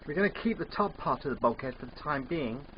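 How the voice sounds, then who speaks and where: An older man with a thick, sore, swollen-sounding throat, narrating a casual DIY vlog in a hesitant, unhurried way. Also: fairly high pitch, lively intonation. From England. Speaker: DIY van converter presenting. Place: in and around a van. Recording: dull muffled sound, background vehicle noise.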